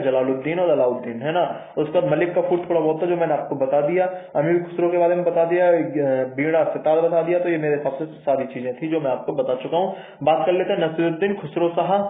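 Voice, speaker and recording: A man giving a casual history lecture for exam prep, chatty and repetitive, often checking in with his listeners. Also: on the high side. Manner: chatty, repeats points and says "ठीक है" often. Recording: tinny, echoey room sound.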